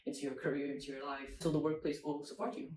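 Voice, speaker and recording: A woman's voice: low-pitched, steady tone, fast talker, a little mellow. Young woman, friendly, thoughtful, echoey room, distant mic. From Singapore. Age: young adult. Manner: friendly, thoughtful, giggly, restarts phrases. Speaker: interview guest, agile coach. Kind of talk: casual interview. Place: busy conference venue. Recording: echoey, far from the mic, faint background noise.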